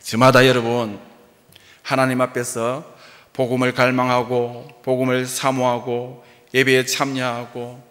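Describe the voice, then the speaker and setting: A man's voice: mid-range voice, monotone, measured pace, fairly bright tone. Man preaching in a reverberant hall. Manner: storytelling with folksy jokes, often addressing the congregation. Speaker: pastor. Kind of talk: sermon. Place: church sanctuary. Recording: long church-hall reverb.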